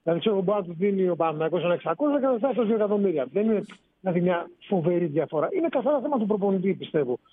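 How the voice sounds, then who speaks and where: Man with a high lively voice on a tinny phone line. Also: a little hiss or hum. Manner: explanatory, animated, rising emphasis. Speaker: sports reporter. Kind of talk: sports radio phone-in analysis.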